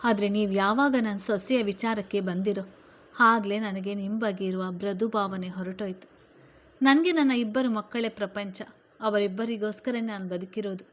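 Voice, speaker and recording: A woman reading a storybook voicing a stern, protective middle-aged mother who scolds her relatives loudly and forcefully. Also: medium pitch, normal speed, natural voice. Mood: angry.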